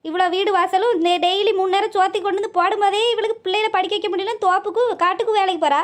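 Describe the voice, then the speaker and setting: A woman's voice: very high voice, fairly even intonation, rapid-fire. A woman doing a sneering cartoon mother-in-law. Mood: scornful. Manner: sneering, mocking. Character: scornful bossy village mother-in-law.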